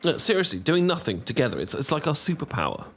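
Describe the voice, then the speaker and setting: A young British man with a fairly high, wildly swooping voice talks fast through an intimate roleplay, as if chatting with someone close. He's playful and affectionate with gentle teasing, and his frequent bashful hesitations make the script sound casual. A little hiss or hum is audible.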